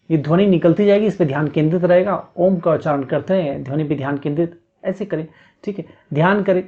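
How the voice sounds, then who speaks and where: A man's voice: on the high side, mellow. A man giving step-by-step meditation instructions in a patient, repetitive way, often checking in with the listener. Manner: repetitive, coaxing, frequent "theek hai" check-ins. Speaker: meditation teacher. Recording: dull lo-fi sound.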